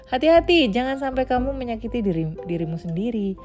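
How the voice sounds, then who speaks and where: A caring little animal doctor from a children's storybook, as a woman reading aloud puts him on. He speaks gently, giving soft warnings and reassurance, and his voice rises and falls a great deal. Faint music plays behind. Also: fairly high pitch, big pitch swings, fast. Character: kind little animal doctor who wants to help.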